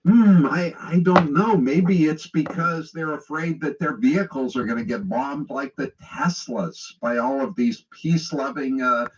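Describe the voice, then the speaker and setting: Over a dull, lo-fi radio relay with a little hiss or hum, an American man hosts political talk radio from a distant mic. His slightly high voice keeps a measured pace with hardly any pauses as he delivers a mocking, sarcastic, opinionated monologue in a conversational way.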